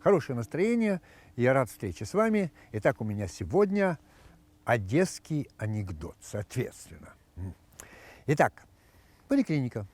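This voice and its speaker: A man, hosting and telling jokes in a casual, animated, expressive way. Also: on the high side, normal speed. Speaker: host of a joke channel. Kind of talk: casual joke telling to camera.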